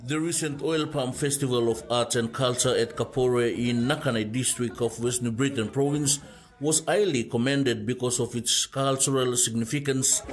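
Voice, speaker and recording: A male reporter reading a scripted news report in a measured, formal way. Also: medium pitch, steady tone, rough recording.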